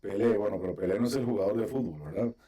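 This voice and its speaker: A man with a low, mellow voice teaches Biblical Hebrew over a video call. He explains patiently and step by step, and keeps checking that his students follow. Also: fast, a little hiss or hum. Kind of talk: online class instruction.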